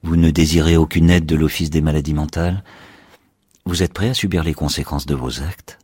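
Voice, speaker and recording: Measured male psychiatrist, voiced by a man: low, husky, dry, calm questions. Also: no room sound.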